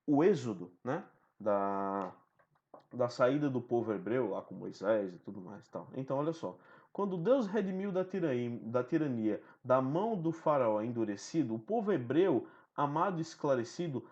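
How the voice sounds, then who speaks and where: A man's voice: medium pitch, darkish tone. A man teaching a recorded online lesson, explaining step by step and often checking in with the listener. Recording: dull lo-fi sound.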